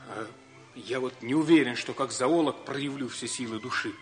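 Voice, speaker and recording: An actor playing a boyish, excitable, naive young friend in an old radio drama style. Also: male voice, mid-range voice, normal speed, soft background music, close to an everyday voice. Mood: curious, doubtful.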